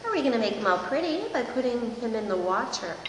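A woman speech therapist coaching a young child, modelling words in a slow, exaggerated, encouraging way. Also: a little high, very animated. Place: indoors at a table in a hard-walled room. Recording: echoey room, clear background noise.

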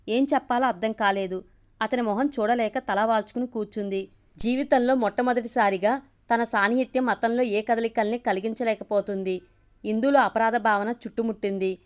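Calm woman reading a story aloud. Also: fairly high pitch. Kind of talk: audiobook story narration.

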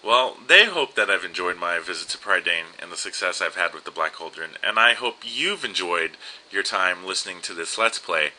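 Bright-voiced guy narrating a game. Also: low voice, lively intonation, moderate pace, a little hiss or hum, rough recording. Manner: chatty, reads game text aloud. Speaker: let's play host. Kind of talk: casual game commentary.

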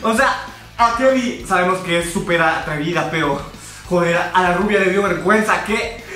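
A man's voice: high-pitched, moderate pace, pushed and bright, echoey room, far from the mic. A young man doing sarcastic, comedic anime commentary, arguing with himself and swearing. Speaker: reaction commentator.

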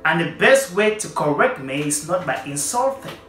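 Young man, animated vlog commentary, bright tone, roomy echo. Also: on the high side, moderate pace, soft background music. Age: young adult. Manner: animated, emphatic, addresses viewers directly. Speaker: vlogger. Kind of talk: casual commentary to camera. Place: plain indoor room.

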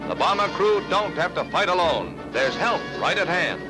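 A man narrating a 1940s newsreel in a brisk, dramatic announcer style, heard as an old newsreel recording. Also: high voice, animated. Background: loud music.

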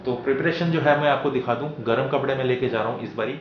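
Guy vlogging from his room, middle-pitched, lots of uhh pauses, echoey and kinda muffled. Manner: chatty and explanatory, frequent drawn-out "uh" pauses. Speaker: travel vlogger. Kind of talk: casual vlog talk to camera. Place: small room at home, indoors. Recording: roomy, slightly dull sound with faint room hum.

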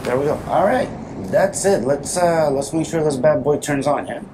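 A man with a fairly high-pitched voice talks at normal speed, informally hosting a motorcycle how-to vlog as he works in a small garage. He seems to be in his thirties, and the workshop ambience is clearly noisy.

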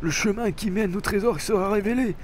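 A man reading as an eager creature explorer in a video game, full of wonder and stumbling over the odd word. The voice is fairly high, with faint noise behind it. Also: fairly quick, close to an everyday voice. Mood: curious. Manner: wondering, hesitant reading with "euh". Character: curious male Pokémon partner, eager explorer. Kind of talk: dramatic reading of game dialogue.

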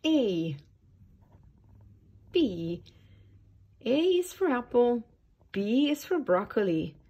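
A woman reads a picture book to small children in an unhurried, sing-song way. Her voice rises and falls widely and has a mellow, slightly husky tone. She often stops to ask the little listeners questions. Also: on the high side, very animated, highs cut off. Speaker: early years storytime reader.

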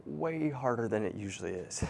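A man's voice: medium pitch, lively intonation, a little fast, gravelly, darkish tone, a little hiss or hum. A young man talking casually to camera between sets in a small hotel gym, rambling with lots of fillers. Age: young adult. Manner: laid-back, rambling with many fillers. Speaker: fitness vlogger. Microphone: small clip-on mic, camera at a distance.

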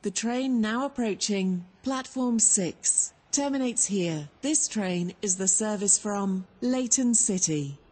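Slow, breathy woman on a station PA loudspeaker. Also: mid-range voice, lively intonation. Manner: measured, formal, evenly paced. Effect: train station PA loudspeaker announcement. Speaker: station announcer. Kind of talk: recorded automated announcements.

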